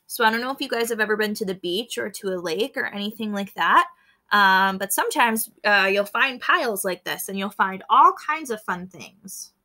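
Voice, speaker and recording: A woman schoolteacher reads a children's book aloud and explains it directly to her pupils, adding teaching commentary. Her voice is medium-pitched with a sharp tone.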